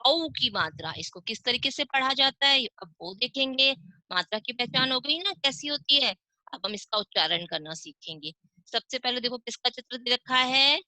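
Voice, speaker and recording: A woman teaching young children online, with a Hindi accent, reading words slowly syllable by syllable and asking questions she then answers herself. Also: high-pitched, animated, sharp tone, dry recording, low-quality recording. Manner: slow, drawn-out syllable-by-syllable reading. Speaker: primary school teacher. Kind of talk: online class lesson.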